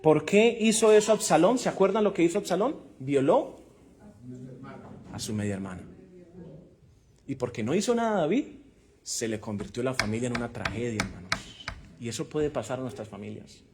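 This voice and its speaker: A man's voice: medium pitch, expressive, moderate pace, long pauses, darkish tone, slight background noise. A man preaching a Bible lesson to a congregation, emphatic and calling out rhetorical questions and amens. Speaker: preacher teaching a Bible class. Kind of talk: sermon-style Bible lesson.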